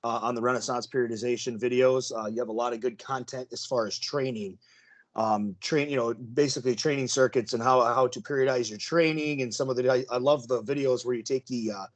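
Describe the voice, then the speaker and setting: A man hosting a podcast, chatting casually and interviewing his guest with many pauses and restarts. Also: mid-range voice, steady tone. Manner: hesitant, many fillers. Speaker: podcast host.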